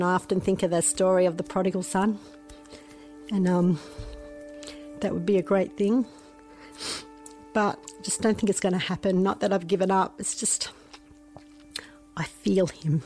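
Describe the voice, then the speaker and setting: A middle-aged Australian woman, a mother speaking about her missing teenage son in an interview, soft and halting, sometimes dropping to a near whisper. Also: mid-range voice. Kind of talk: emotional interview testimony.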